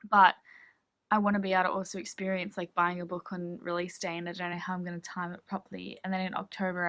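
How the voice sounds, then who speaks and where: Young woman, casual book vlog, bright tone, chatty and gushing. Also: lowish voice. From Australia. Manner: chatty, gushing, many fillers. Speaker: book vlogger.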